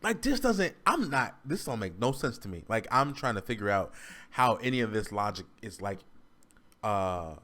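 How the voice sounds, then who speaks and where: A man's voice: on the low side, normal speed. A man in casual game-review banter, incredulous and stammering as he argues back. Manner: animated, incredulous, stammering restarts.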